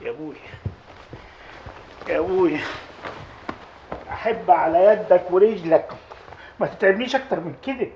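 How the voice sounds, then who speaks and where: A weary, exasperated chief's son. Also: male voice, high voice, expressive, normal speed, long pauses, darkish tone, lo-fi sound, a little hiss or hum. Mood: pleading. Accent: Upper Egyptian. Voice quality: earnest, exasperated. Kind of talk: period TV drama acting.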